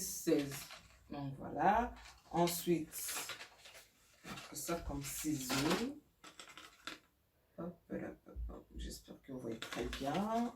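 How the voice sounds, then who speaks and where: A woman's voice: low-pitched, reverberant, far from the mic, noisy background. A middle-aged mother chatting casually through her child's school supplies, hesitant with many fillers and laughing at herself. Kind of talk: casual home vlog.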